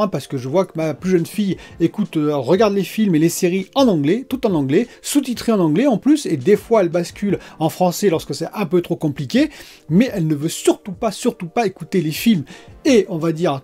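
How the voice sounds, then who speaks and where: A man's voice: high-pitched, expressive, fairly quick, dark tone, husky, faint music behind. A middle-aged man giving a casual, chatty solo review as a gaming and tech vlogger, full of asides and fillers.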